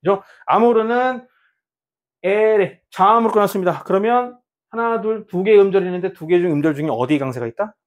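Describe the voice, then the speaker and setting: In a high voice with the upper frequencies cut off, a man teaches beginners Spanish in Korean. He repeats example words slowly and puts questions to his students.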